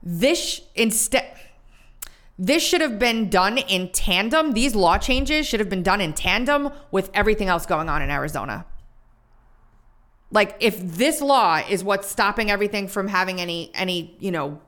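A woman co-hosting a casual political talk show, chatting in quick asides and reading quotes aloud. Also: medium pitch, animated, fairly bright tone. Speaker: podcast co-host.

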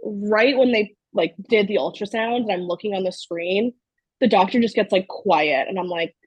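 A thirty-year-old woman speaks as a podcast guest and tells her own story in a casual, animated way, peppering it with "like". Her voice is breathy and a little husky. The sound is dry and close, with no room around it. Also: mid-range voice, normal speed, dry recording, rough recording. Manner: animated, fills speech with "like".

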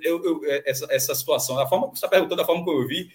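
A man from Brazil, arguing football on a sports talk show, animated and insistent. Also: on the high side, racing, husky. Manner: argumentative, animated, repeats "veja só". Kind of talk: heated casual football debate.

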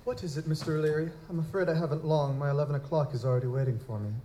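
In a live audio drama, a man plays a young, bereaved nobleman who is touchy and proper, speaking in a fairly high, mellow voice with stiff, formal, aristocratic diction. His tone is steady and polite though he races through the lines, acted lightly. The sound is roomy and echoing, with some noise.

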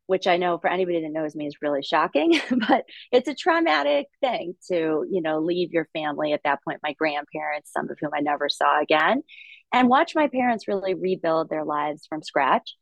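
Guest, woman, middle-aged, from Latvia; articulate, upbeat storyteller, lowish voice, dry close recording. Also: lively intonation, normal speed, creaky, no echo. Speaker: podcast guest, investor. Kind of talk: conversational interview.

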